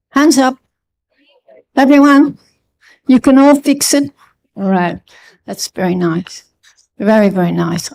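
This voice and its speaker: A fairly high-voiced woman addresses an assembled congregation in a sermon-style talk. She moves between told anecdotes and pleading appeals, and she scolds her listeners earnestly. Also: a little mellow. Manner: storytelling with acted quotes. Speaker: devotee speaker at a festival.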